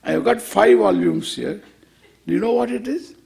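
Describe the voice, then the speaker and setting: Gravelly, high-pitched Indian man giving discourse. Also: big pitch swings, moderate pace, a little mellow. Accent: Indian English. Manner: rhetorical question-and-answer, repeats phrases for emphasis; playful, wry humor. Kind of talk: informal spiritual discourse to a live audience.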